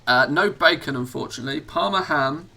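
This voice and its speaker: A man's voice: a little high, fairly quick, creaky, sharp tone. An English man live streaming from home, chatting casually as he plays, self-mocking and laughing often. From England.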